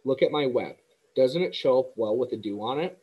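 A frail, wise spider speaking softly and wearily, voiced by a man reading a children's book. Her voice is slightly breathy and tired, gentle even when scolding. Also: mid-range voice, a little fast, lo-fi sound. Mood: weary, gentle. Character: weak, fading female spider, gentle and wise.

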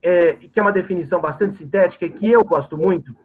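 A man's voice: high-pitched, quick pace, slightly rough. A man lecturing over a video call, explaining patiently with many hesitations and fillers. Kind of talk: academic lecture. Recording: tinny phone-like video call audio.

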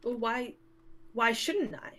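A woman playing a guilt-ridden young woman who talks in an earnest, pleading, slightly halting way. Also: a little high, fairly bright tone.

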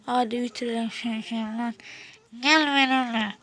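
A woman giving excitable let's play commentary, talking at the game in casual slang and sometimes dropping to a mutter. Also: fairly high pitch, moderate pace. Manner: drops to mutters and whispers at times. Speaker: gamer.

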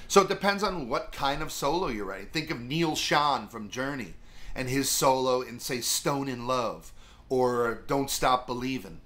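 A man's voice: mid-range voice, expressive, unhurried, a bit bright. A middle-aged man teaching guitar soloing in a casual, rambling way, with lots of fillers as he talks. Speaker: music teacher. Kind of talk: casual video guitar lesson.

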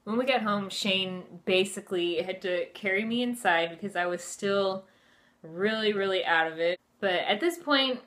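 A woman's voice: medium pitch, moderate pace, a bit bright. A woman in her twenties talking casually to camera at home as a vlogger, in a chatty, conversational way with plenty of filler phrases. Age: 20s. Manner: chatty, conversational, frequent "like" and "you know". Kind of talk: casual personal storytelling to camera. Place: furnished room at home, indoors.

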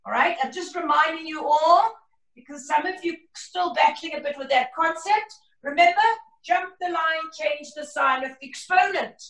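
A woman maths teacher giving an online lesson on a video call, her voice a bit hoarse and croaky, chatty and encouraging with her class. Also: sits high, normal speed, a bit bright. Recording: roomy, distant from the mic.

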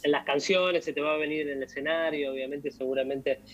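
A man's voice: a little high, little pitch movement, brisk, a bit bright. A man with an Argentine accent consoling a guest as a television host on a video call. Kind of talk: consoling interview talk. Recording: dull remote call, faint music.

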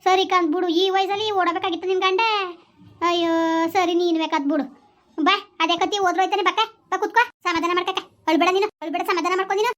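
A no-nonsense village neighbour in a homemade comedy skit, played by a woman. She talks fast and very high, keeping her pitch level as she scolds. Her comforting comes out matter-of-fact. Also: steady tone. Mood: scolding comfort. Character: blunt village woman consoling her friend.

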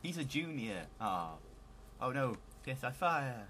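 A man's voice: mid-range voice, sing-song, a little slow, fairly bright tone, a little hiss or hum. A man hosting a let's play, giving casual, joking commentary on a video game.

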